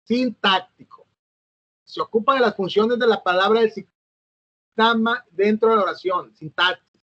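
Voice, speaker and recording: A man's voice: high-pitched, normal speed, fairly bright tone, dry recording, lo-fi sound. A man, recording a lecture for his students by himself, hesitant, with fillers and self-corrections and a habit of asking "¿no?". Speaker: teacher.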